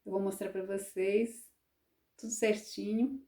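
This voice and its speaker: A woman's voice: medium pitch, little pitch movement, measured pace, mellow. A woman in her fifties chatting casually to camera as a crochet vlogger, homely and full of little tag questions. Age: 50s. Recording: echoey room.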